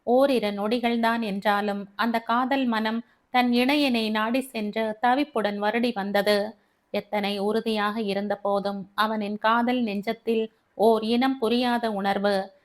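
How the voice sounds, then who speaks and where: A woman narrating a family novel, reading in a slow, measured way. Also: fairly high pitch, steady tone. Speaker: audiobook narrator.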